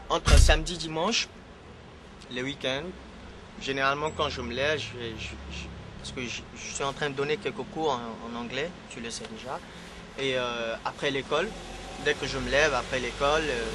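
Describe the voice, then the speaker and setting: A medium-pitched man from Guinea, whose first language is Fula, is interviewed as a singer in a casual chat over traffic noise. He's hesitant, repeats words, and drops "tu vois" again and again.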